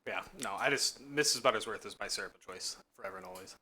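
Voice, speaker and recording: A man streams from his home kitchen, talking fast and eagerly between bites, sometimes with his mouth full. His voice is bright and forward. It is relaxed, chatty live-stream talk. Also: lowish voice, breathy edge. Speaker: streamer hosting a cooking stream. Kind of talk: casual chat while eating on a live stream.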